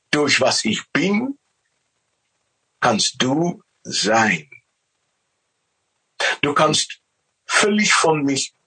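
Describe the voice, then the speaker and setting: A man's voice: medium pitch, pushed and bright, slightly rough, exaggerated voice, poor audio. A man voicing God in a sermon story, raised and emphatic as he proclaims his gifts. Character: almighty, loving God speaking to humankind.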